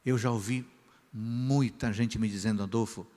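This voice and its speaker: A man preaching a sermon as pastor, who tells a story with lively quoted voices. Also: lowish voice, normal speed. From Brazil. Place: large church hall. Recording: church hall reverb.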